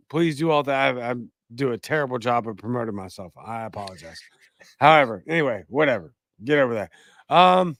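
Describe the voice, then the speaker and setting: A man's voice: fairly high pitch, vocal fry, fairly bright tone, dry recording. A man hosting a political talk show, delivering emphatic, ranting commentary into a close mic. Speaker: podcast host.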